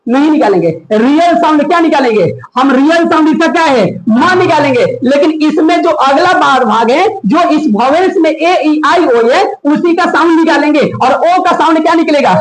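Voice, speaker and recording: Woman teacher, high voice, echoey classroom; keeps quizzing the class with the same question. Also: moderate pace, few pauses, a crowd in the background. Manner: drills with repeated quiz questions. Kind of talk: classroom phonics lesson. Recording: echoey room.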